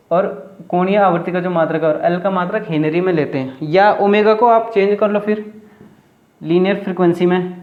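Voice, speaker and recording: High-voiced man teaching physics. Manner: repetitive, asks and answers own questions. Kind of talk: whiteboard lecture. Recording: roomy, dull lo-fi classroom recording.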